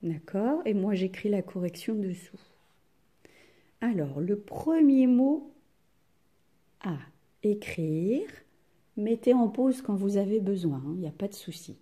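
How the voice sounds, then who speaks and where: A woman teaching a spelling lesson to young children, patient and deliberate, sounding out each syllable. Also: mid-range voice, lively intonation, mellow. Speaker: primary school teacher.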